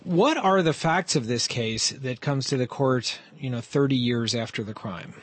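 A man's voice: mid-range voice, expressive, moderate pace, slightly rough, no room sound. A man hosting a radio interview, putting questions to legal experts.

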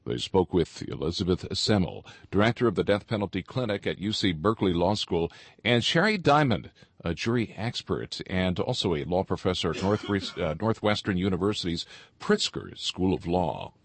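American man, radio announcer, husky voice in a dry studio, scripted program credits. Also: deep voice, animated, moderate pace, dry recording.

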